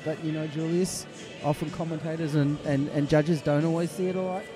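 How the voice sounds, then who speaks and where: A man co-commentating a boxing bout, measured and careful in his calls. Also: a little high, little pitch movement, music in the background. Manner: measured, hedging analysis. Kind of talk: live fight commentary.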